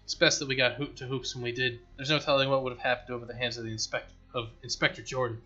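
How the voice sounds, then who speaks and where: A man voicing a wise, formal cyborg dwarf companion who explains lore in a measured way. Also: mid-range voice, little pitch movement, pushed and bright, highs cut off, faint music behind. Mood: calm. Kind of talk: reading game dialogue aloud.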